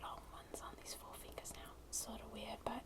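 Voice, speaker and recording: In a hushed, breathy near-whisper, a woman who makes ASMR videos talks to her viewers in a relaxed, hesitant way at a moderate pace. She is indoors at a wooden table, and her close voice is layered with clicky noise from her nails tapping and scratching on a glass bottle.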